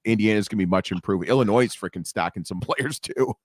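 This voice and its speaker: A man co-hosting a podcast in casual conversation, talking in a lively, rambling way and correcting himself mid-sentence. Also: on the low side, fast talker, no room sound, clean studio sound. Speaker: podcast co-host. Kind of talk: casual sports podcast chat.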